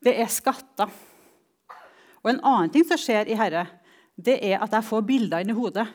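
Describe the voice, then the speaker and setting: Middle-aged woman, earnest spoken testimony, reflective, slow emphatic pauses, church talk. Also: on the high side, a little mellow.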